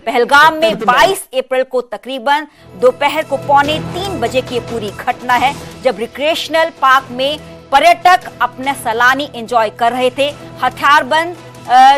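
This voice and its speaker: Female studio anchor, high voice, formal steady read, soft music bed. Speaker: news anchor. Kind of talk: news anchoring.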